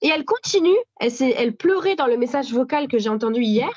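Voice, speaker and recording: A woman with a French accent giving a spontaneous spoken testimony at a church meeting, animated storytelling with frequent restarts. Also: high-pitched, fast, slightly rough. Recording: slightly dull audio recording.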